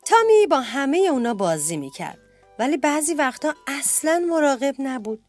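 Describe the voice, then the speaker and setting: A woman reading a children's bedtime story aloud with expressive delivery. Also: faint music behind. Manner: expressive reading, lifts pitch for children's shouts.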